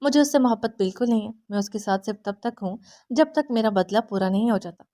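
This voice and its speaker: A woman's voice: a little high, mellow, lightly acted. A woman doing a smug, scheming young man. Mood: smug teasing.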